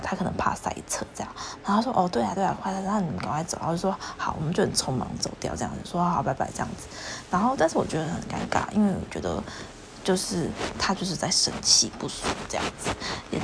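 Gravelly-voiced woman telling a story. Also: lowish voice, a little hiss or hum. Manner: animated storytelling, pressing her husband to admit fault. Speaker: podcast co-host. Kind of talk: casual chat.

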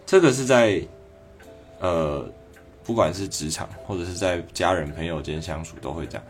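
Brief: deep-voiced man with a Taiwanese Mandarin accent, a doctor talking things over on a livestream, mulling aloud, faint music behind. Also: normal speed. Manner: reflective, conversational, acting out quoted people. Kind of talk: livestream advice talk.

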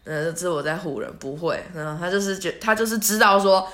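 A woman's voice: lowish voice, fast, fairly bright tone. Young woman, chatty storytelling, self-mocking, echoey room. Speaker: podcast host. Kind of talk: casual storytelling monologue.

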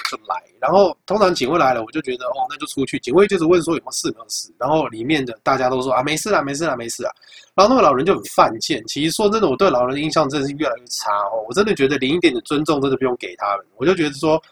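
A young man with a Taiwanese Mandarin accent, hosting a podcast and telling a story in a casual, animated, profane way, acting out the dialogue. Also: medium pitch, slightly rough. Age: young adult. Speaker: podcast host.

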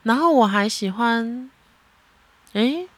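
A woman, chatting casually on a podcast as a mother talking with her child, animated and exasperated in a teasing way. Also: fairly high pitch, takes it slowly, dry recording.

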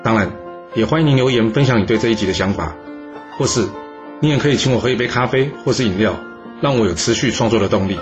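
A man's voice: medium pitch, fast talker. A man closing his storytelling podcast, addressing listeners in a friendly way. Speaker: podcast host. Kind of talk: podcast outro. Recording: dull lo-fi with music behind.

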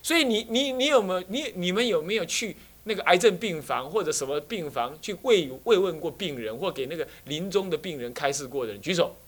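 Animated Taiwanese-accented male Buddhist teacher. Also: high-pitched, fairly quick, hardly any pauses. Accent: Taiwanese Mandarin. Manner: storytelling, asks many rhetorical questions. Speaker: Buddhist abbot teaching a class. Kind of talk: sermon lecture to a class. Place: teaching room with students.

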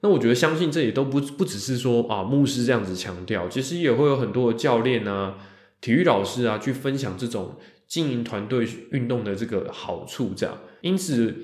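A man's voice: mid-range voice, animated, a little mellow. Chatty man with a roomy echo. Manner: chatty, with drawn-out particles ending phrases. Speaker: podcast host.

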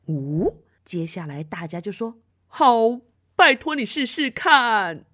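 A woman's voice: on the high side, sing-song, takes it slowly, a bit bright, dry recording, clean studio sound, exaggerated voice. A woman voicing the youngest child of a witch, a mischievous girl who giggles and speaks sheepishly.

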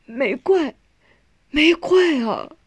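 A woman voicing a gentle eldest son who speaks softly and reassuringly in an audiobook. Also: a little high, normal speed, husky, no room sound, voice pushed up. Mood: soothing. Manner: soft reassuring.

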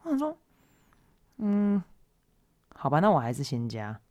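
A young man, hosting a podcast and retelling awkward moments in a casual, animated, self-mocking way. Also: on the high side, a little slow, lo-fi sound. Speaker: podcast host. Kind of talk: casual solo storytelling.

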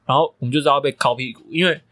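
A man's voice: medium pitch, steady tone, racing, fairly bright tone, dry recording. A young man, a coach co-hosting a podcast, telling stories emphatically and swearing freely. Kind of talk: casual podcast chat.

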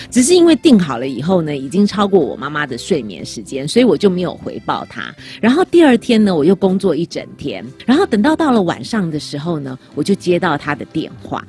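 A woman with a Taiwanese Mandarin accent talks in a casual podcast chat, her voice sitting fairly low. She tells the story with lively swings in pitch and acts out both sides of the dialogue. Soft music plays underneath. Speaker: podcast co-host.

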